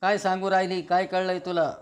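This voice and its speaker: A woman's voice: fairly low pitch, level tone, brisk, smooth, natural voice. A man reading as a fretful scheming mother. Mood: scolding.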